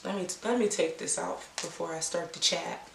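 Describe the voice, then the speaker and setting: A young woman vlogger chatting casually and rambling to viewers in a low, unhurried way while recovering from an illness. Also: gravelly, fairly bright tone. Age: young adult. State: recovering from illness, clearing throat. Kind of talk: casual chat to viewers while doing her hair. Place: small indoor room. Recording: roomy echo, audible background hiss.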